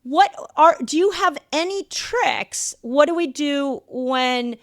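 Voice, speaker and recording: A woman's voice: sits high, lively intonation, slow, no room sound, clean studio sound. A middle-aged woman hosting a podcast interview, affirming her guest and thinking aloud with restarts. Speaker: podcast host. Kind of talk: conversational interview.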